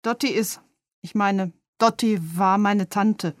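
A woman's voice: medium pitch, steady tone, slow pace, no echo, studio quality, natural voice. A woman voicing a young, wary woman from the city in a read-aloud novel, in a plain, earnest way.

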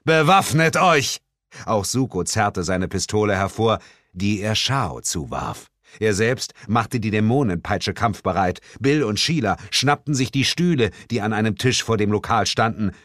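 A man narrating a comic horror story in a dramatic way and slowing down for ominous lines. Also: lowish voice, fairly bright tone, dry recording, clean studio sound. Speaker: audiobook narrator.

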